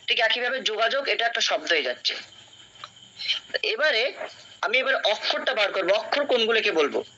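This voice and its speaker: A young man teaches a class, patient and questioning, stopping often to check his students follow. His voice is bright and clear-edged. The recording is dull and lo-fi, with a faint hiss underneath. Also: high voice, animated, brisk. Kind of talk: classroom lecture.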